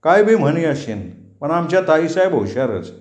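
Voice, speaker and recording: A talkative middle-aged village butcher, put on by a male storyteller, gossiping in rustic dialect. The voice sits a little above middle pitch. The echoey room carries every word. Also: big pitch swings, a little mellow. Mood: chatty. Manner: chatty, rustic village dialect, quick banter.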